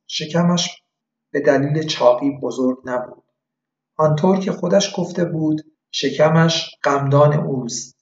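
Gravelly-voiced male storyteller. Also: medium pitch, darkish tone, far from the mic. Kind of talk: scripted narration. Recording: echoey room, dull lo-fi.

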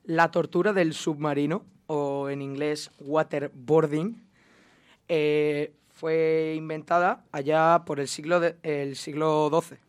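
A man presenting a short lesson segment, speaking slowly and haltingly with many fillers. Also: a little high, little pitch movement, smooth.

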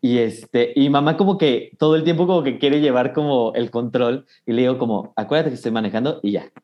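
A man talks casually as co-host of a podcast. His voice is mid-pitched. He speaks conversationally and keeps checking in with the listener. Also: normal speed, muffled recording. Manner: conversational, frequent "¿sabes?" tags. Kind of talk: casual chat.

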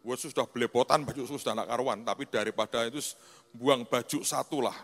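A man with a Javanese-tinged Indonesian accent, preaching a sermon as a pastor and telling stories with lively, acted-out voices. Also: medium pitch, brisk. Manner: animated storyteller, acts out quoted voices. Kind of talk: sermon storytelling. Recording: long reverb in a large hall with faint music.

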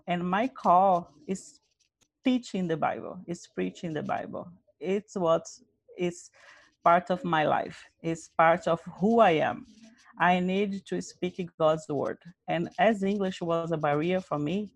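An earnest woman with a lowish voice speaks in a dry recording, sharing a personal testimony during an interview. She is the guest, a Bible study leader, and her phrasing is simple and non-native.

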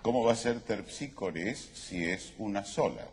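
An actor playing a smug, pedantic scholar in a live comedy sketch, lecturing about pronunciation. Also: male voice, lowish voice, lively intonation. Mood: pompous. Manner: pompous, lecturing, drawn-out pronunciation. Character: pedantic learned male scholar, smug and fussy. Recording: live show with background noise.

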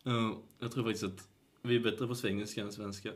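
A man's voice: lowish voice, flat delivery. A man with a Blekinge accent chatting casually and jokingly as a podcast co-host.

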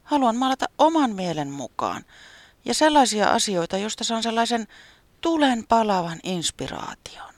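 A storyteller voicing a gloomy, self-doubting sheep painter in a children's storybook, soft and half-whispered. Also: medium pitch, sing-song, no echo, pitched above the performer's own voice. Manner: mumbling and downcast. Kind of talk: storybook character voice.

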